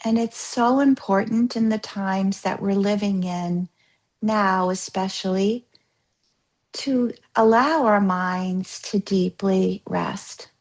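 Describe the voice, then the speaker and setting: A female yoga therapist walks listeners through yoga nidra in a mid-range voice. Her guidance is soft, soothing and unhurried, punctuated by pauses.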